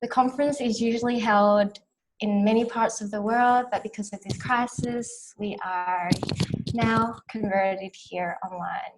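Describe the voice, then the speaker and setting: A young Australian woman in her twenties hosts an online conference from a small room over a video call webcam. She first guides a breathing exercise with calm, soft counting, then warmly welcomes everyone. Her voice is medium pitch, and the recording is low quality.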